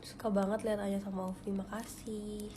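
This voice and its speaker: A woman's voice: mid-range voice, little pitch movement, normal speed, background noise. A young woman, chatting casually on a phone livestream in a confiding way that often drops to a whisper. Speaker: livestream host.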